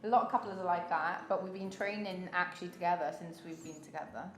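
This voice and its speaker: A woman's voice: fairly low pitch, quick pace. A woman aged about thirty chatting casually as she answers interview questions. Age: 30s. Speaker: fitness coach. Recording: roomy, music behind.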